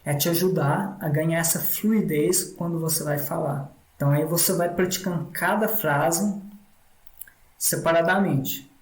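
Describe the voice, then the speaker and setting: A man's voice: on the high side, steady tone, unhurried, reverberant, rough recording. A man with a Brazilian Portuguese accent teaching a step-by-step language tutorial. He is instructive and repetitive, and often adds question tags. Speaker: English teacher.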